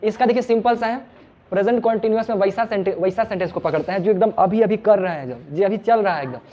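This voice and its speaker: Joking tutor in a classroom. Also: male voice, high-pitched, fast talker, dull audio. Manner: chatty and joking, repeats words of address. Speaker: English tutor. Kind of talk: informal classroom teaching. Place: small classroom.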